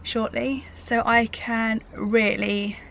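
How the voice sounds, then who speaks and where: A woman, croaky from a cold, chatting rambly and casually in a camper van vlog. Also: on the high side, level tone, slow pace, fairly bright tone, low-quality recording. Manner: chatty, rambling, self-interrupting. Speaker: craft vlogger. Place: inside a camper van on a busy main road. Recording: traffic noise from a main road. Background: road traffic noise.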